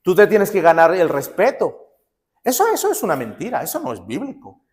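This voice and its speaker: A man's voice: high voice, brisk. A male pastor from Nicaragua preaching a sermon, asking the congregation questions and acting out the quotes he cites. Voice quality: lively, swings between loud emphasis and soft asides.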